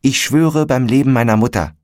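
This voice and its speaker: A man reading aloud and voicing a bossy young boy who shouts orders in panic. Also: mid-range voice, moderate pace, dry recording, clean studio sound, voice pushed up, lightly acted. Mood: tense. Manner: shouting commands.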